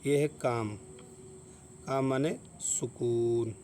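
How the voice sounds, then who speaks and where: A man's voice: medium pitch, steady tone, drawn-out words, mellow, slight background noise. A man giving an explanatory lesson, patiently repeating each point and spelling out letters. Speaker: English teacher.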